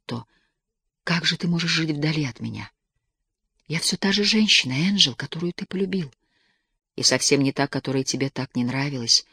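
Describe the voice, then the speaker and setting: A man reading the lines of a weary, desperate young peasant woman in an audiobook, keeping his speech soft and hushed. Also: on the high side, breathy edge, dry recording, clean studio sound.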